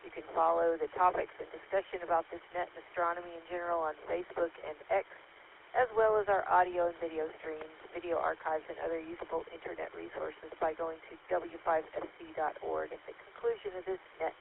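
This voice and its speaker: A woman running an amateur radio net as net control, reading call signs and announcements in a steady way, heard through a radio link with static. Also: on the low side, fairly quick, creaky. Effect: transmitted over a radio link with static. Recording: tinny radio transmission with faint static.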